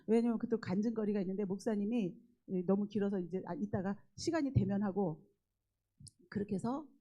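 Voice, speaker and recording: A middle-aged woman, a gospel singer, giving a church testimony with animated storytelling, acting out her own dialogue with exclamations. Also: on the high side, rough recording. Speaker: guest speaker, gospel singer. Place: church sanctuary.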